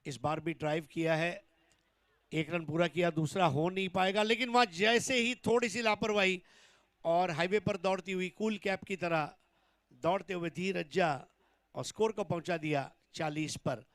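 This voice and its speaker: A man calling a match ball by ball in excited cricket commentary, drawing out his calls on big shots. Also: sits high, moderate pace, no echo.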